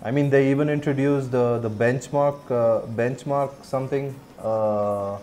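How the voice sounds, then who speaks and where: A man's voice: medium pitch, fairly even intonation, a little slow, dark tone, a little hiss or hum. A man with an Indian accent chatting casually with viewers as he streams, laughing often and answering chat as he plays. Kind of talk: casual gameplay commentary.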